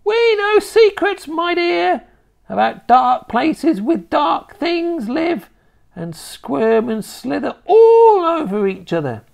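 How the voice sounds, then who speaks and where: A creepy old grandmother with a witch's edge. She pitches far above the reader's own voice with a shrill, cackling sound, then sinks into a throaty, gravelly whisper. Her words stretch out slowly and her pitch swoops widely. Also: big pitch swings, a little mellow, full character voice. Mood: rising, menacing. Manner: slow, drawn-out menacing delivery. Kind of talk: storybook reading.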